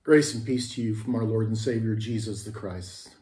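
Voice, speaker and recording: A man's voice: on the low side, moderate pace, mellow, roomy sound, soft background music. A man pastor giving a chatty, storytelling sermon that is full of restarts. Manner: chatty and anecdotal, with many restarts. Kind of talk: conversational sermon.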